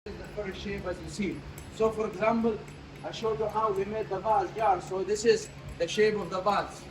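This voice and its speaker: A man's voice: high voice, fairly even intonation, moderate pace, noisy background. A man, explaining things to tourists as a local guide in plain, slightly broken English. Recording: distant roomy voice with music behind.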